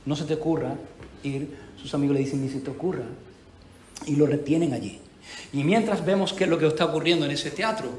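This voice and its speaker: A man preaching a sermon in church, animated, with rhetorical questions and emphatic repetition. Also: high voice, slight background noise. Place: church hall. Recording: echoey church hall.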